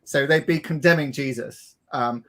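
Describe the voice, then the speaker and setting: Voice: mid-range voice, normal speed, a bit bright. Panelist asking pointed questions. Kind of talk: panel discussion.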